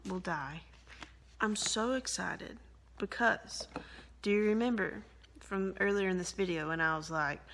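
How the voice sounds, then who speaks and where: A woman's voice: on the low side, fairly bright tone, rough recording. A young woman chatting casually in her kitchen for a vlog, rambling and poking fun at herself. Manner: chatty and rambling, self-mocking, laughs often. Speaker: vlogger. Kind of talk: casual chat. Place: home kitchen.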